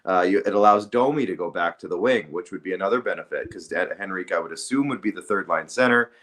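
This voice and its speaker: A man with a low, fairly bright voice talks fast as a co-host on a hockey podcast. His tone is casual and conversational, and he hedges a bit.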